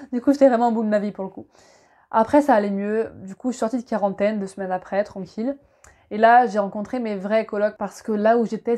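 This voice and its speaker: A young woman from France telling a relaxed personal story to camera, chatty and full of fillers and asides. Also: medium pitch. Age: young adult. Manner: chatty, many fillers and asides, laughs easily. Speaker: vlogger.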